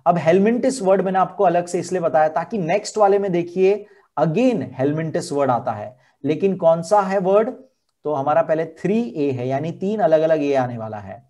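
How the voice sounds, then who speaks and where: A man with an Indian accent teaching a board exam science lesson, slowly repeating key terms and their spellings. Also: fairly high pitch, lively intonation, mellow.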